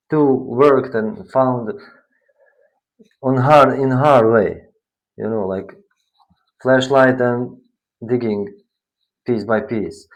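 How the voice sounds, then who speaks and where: A man giving a spiritual tarot reading, slow and meandering, often searching for his words. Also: mid-range voice, low-quality recording. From Bosnia. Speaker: tarot reader.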